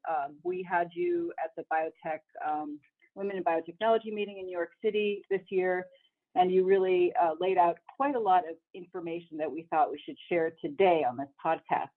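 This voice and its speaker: A woman's voice: fairly low pitch, steady tone, normal speed. A woman co-hosting a podcast interview, asking questions in a conversational, rambling way. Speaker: podcast co-host. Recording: phone-like line.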